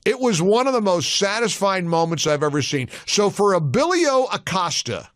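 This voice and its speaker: A man hosting a talk radio show, telling an anecdote as an animated storyteller in a studio. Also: sits high, moderate pace, dry recording.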